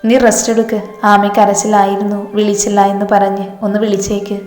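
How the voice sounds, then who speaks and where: Lady voicing a bossy protective guy, firm, flat tone, echo and music behind. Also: mid-range voice, brisk, close to an everyday voice. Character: protective, commanding young man.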